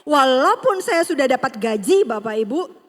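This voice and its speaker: A woman with a high voice preaches to a congregation, turning to them again and again. She swings from loud, stressed lines to soft, hushed passages. Her voice rings out in a church hall with a long echo. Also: big pitch swings, moderate pace. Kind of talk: sermon with personal testimony.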